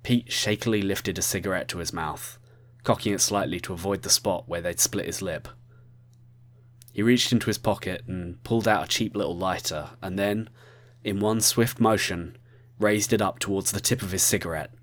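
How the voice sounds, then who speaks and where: Low-voiced male story narrator. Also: normal speed. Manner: addresses the listener directly.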